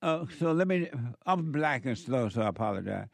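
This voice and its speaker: A man with a smooth radio host delivery, hosting a call-in talk show and slowly repeating phone numbers for listeners. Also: mid-range voice, very animated, dry recording.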